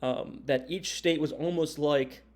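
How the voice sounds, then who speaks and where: A man's voice: fairly high pitch, fairly even intonation, a little slow. An American man speaking as a history and government teacher in an informal recorded lecture, explaining step by step and checking in with short tag questions. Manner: explanatory, punctuates points with check-in tags like "right?" and "okay?".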